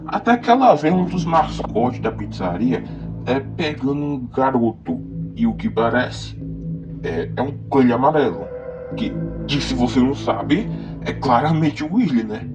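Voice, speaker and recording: A man's voice: mid-range voice, very animated, a little slow. A man with his voice run through a voice changer, telling a film's plot in a loose, chatty way with lots of fillers. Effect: voice changer disguising his real voice. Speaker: movie recap narrator. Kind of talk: casual film plot summary. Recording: muffled, dull voice-changer audio. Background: background music.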